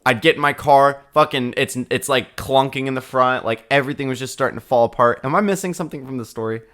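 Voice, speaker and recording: Talking fast at a medium pitch, a twenty-something man co-hosting a podcast tells a casual story. His retelling is animated, profane, and punctuated with laughter.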